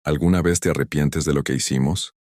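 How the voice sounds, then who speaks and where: A man narrating takes the part of a wise, protective grandmother, speaking gently. His voice stays very deep, close to his narrating voice. The sound is dry and close. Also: fairly even intonation, brisk, no room sound. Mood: gentle.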